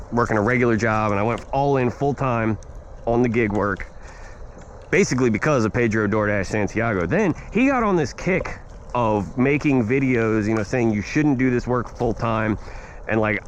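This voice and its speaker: Man, medium pitch, casual vlog chat, slangy and rambling, outdoor recording on the move, clear traffic noise. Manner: laid-back, slangy, rambling. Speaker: vlogger and delivery gig worker. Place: outdoors, riding an electric scooter.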